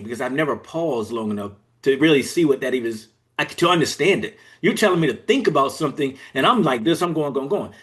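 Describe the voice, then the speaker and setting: Male executive coach from Georgia, podcast guest, earnest and methodical, slightly higher pitch. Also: fairly bright tone. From Georgia, USA. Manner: earnest, explains step by step. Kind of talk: podcast interview.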